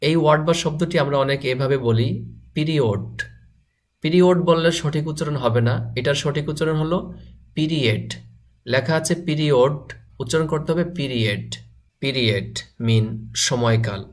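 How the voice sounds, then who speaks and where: A man teaching a vocabulary lesson, reading each word slowly, repeating it and giving its meaning. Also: a little high.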